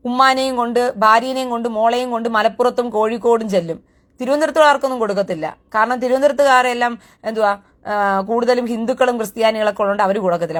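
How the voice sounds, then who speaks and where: A woman with a somewhat high voice delivers a scornful rant straight to the camera. She taunts in a mocking sing-song and stretches out her repeated jeers. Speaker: online political commentator.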